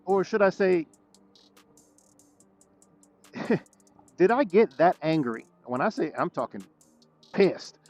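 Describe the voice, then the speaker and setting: A man venting in a vlog, indignant, repeating himself and stuttering as he rants about being shut out. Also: on the high side. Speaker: vlogger. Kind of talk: frustrated talking-head vlog rant.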